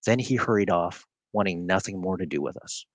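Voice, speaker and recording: A man reading a children's story aloud, expressive and animated. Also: sits low, fairly quick, no room sound. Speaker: reader.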